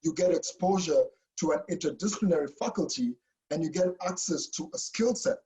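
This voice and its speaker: Fairly high-pitched, animated and fairly quick, this man's mellow voice comes through poor audio. He is a professor from Kenya chatting casually in an online info session, frequently restarting and checking in with "okay?".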